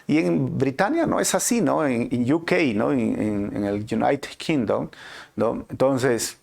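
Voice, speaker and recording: Man, Peruvian accent, Bible teaching, conversational, tag questions, lively pitch. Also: measured pace, vocal fry. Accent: Peruvian Spanish. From Peru. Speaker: pastor.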